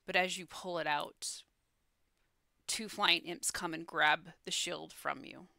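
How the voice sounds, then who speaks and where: A woman narrating as dungeon master of a tabletop game, measured and deliberate. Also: low voice, steady tone, vocal fry, sharp tone, no echo, clean studio sound.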